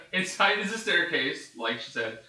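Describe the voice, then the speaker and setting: A man's voice: a little high, big pitch swings, unhurried, bright, forceful tone. A man narrating as game master of a tabletop game, describing scenes with frequent chuckles and asides. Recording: roomy, distant mic with faint hiss.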